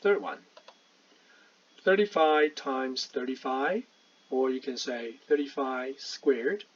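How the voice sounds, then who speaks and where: A man teaching an online English and phonics lesson in a casual way, slowly sounding out long words syllable by syllable. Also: a little high, husky. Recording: distant, dull lo-fi voice.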